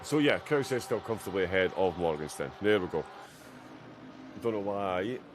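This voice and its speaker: A man's voice: low-pitched, lively intonation, moderate pace, noisy background. A man commentating a sim racing endurance stream, chatty and filled with "uh" hesitations as he reacts to the racing. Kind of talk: live race commentary.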